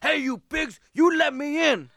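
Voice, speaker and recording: A man's voice: very high voice, expressive, normal speed, gravelly, pushed and bright, no echo, pitched above the performer's own voice, heavily acted. A man voicing an angry bullying landlord in a comic fairy-tale parody, barking threats. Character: angry bullying male landlord, cartoon villain.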